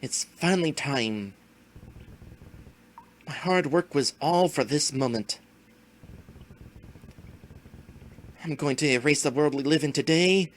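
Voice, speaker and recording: Man voicing a slow, menacing theatrical villain. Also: fairly high pitch, natural voice. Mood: solemn resolve. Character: scheming megalomaniac male villain seeking forbidden power. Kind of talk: dramatic reading of RPG game dialogue.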